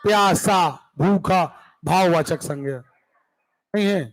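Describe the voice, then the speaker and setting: A male teacher with a high voice talks very slowly and deliberately. He drills word lists one by one and keeps pausing to ask his class whether they have understood. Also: rough recording. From India. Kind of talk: classroom grammar lesson.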